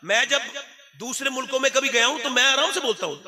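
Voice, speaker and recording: Loud high-voiced preacher man. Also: fast. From India. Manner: loud, declamatory, rising to shouts. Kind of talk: religious speech at a gathering. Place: outdoor religious gathering.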